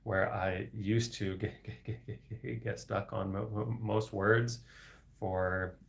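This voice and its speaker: Reading viewer questions on his laid-back solo livestream, this young host speaks slowly in a lowish, creaky voice with fairly even intonation. A heavy stutter of repeated sounds and blocks runs through his speech, punctuated by soft laughs.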